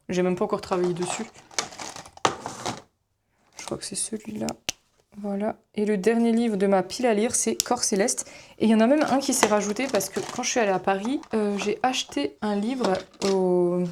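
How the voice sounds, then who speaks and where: A woman's voice: mid-range voice, background noise. A young woman, a student vlogger, talking casually and rambling as she flips through her notebooks, with plenty of fillers and self-corrections. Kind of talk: casual chat while flipping through notebooks.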